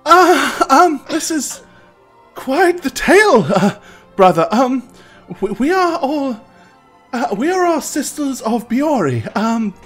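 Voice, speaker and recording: A game master voicing a timid, courteous nature-worshipping nun who speaks in halting, formal phrases for a tabletop game. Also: high-pitched, sing-song, fairly bright tone, faint music behind, heavily acted. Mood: hesitant, polite. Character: timid, polite, hesitant young nun of nature goddess.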